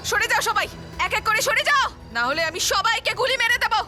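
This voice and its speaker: An actress playing a defiant, menacing villainess with a sharp, demanding manner in an Indian TV crime drama. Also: female voice, sits high, big pitch swings, a little fast, full character voice. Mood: threatening. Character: defiant, menacing villainous woman scheming for money.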